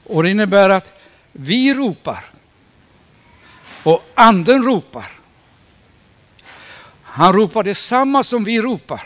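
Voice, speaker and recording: A man preaching a sermon in an earnest way, slowing down to stress key phrases and rising when he quotes scripture. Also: high-pitched, big pitch swings, fairly bright tone. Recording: dull lo-fi recording.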